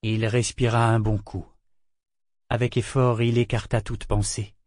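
Man with a dark, dry narrating voice. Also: lowish voice, flat delivery, unhurried, dry recording. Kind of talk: audiobook narration.

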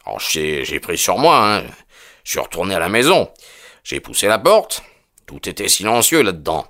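A blunt working-class constable, gruff and uneasy, as a man reads him aloud in an audiobook. He stumbles through rough colloquial phrases with plenty of hesitant fillers, his voice sitting low and deep. The sound is close and dry, with no room around it. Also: big pitch swings, normal speed, bright, forceful tone, no room sound, exaggerated voice. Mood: defensive. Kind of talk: audiobook character voice.

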